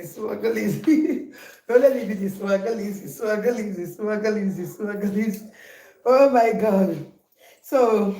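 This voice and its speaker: In a roomy-sounding home recording, a Nigerian woman in her 40s vlogs casually about her birthday, repeating herself in a playful way. Her voice sits at a medium pitch with a dark tone.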